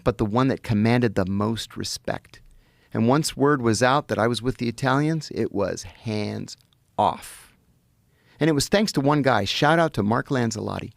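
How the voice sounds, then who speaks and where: A middle-aged man telling stories as a podcast guest, animated and vivid, often restarting his sentences. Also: mid-range voice, creaky, no echo, clean studio sound. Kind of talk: anecdotal storytelling in conversation. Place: podcast studio.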